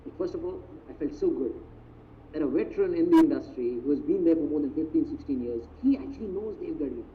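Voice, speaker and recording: A man with an Indian accent, a business mentor telling a story in a live online talk, animated and acting out quotes. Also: a little high, fast. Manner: animated, mixes in Hindi phrases, acts out quotes. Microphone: video call. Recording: tinny phone-like audio, faint noise.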